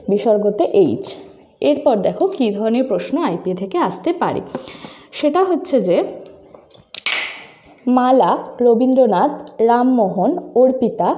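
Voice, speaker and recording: A woman's voice: a little high, lo-fi sound. A woman teacher patiently walking her students through a lesson step by step, speaking to them directly. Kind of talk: screen-recorded lesson explaining phonetic symbols.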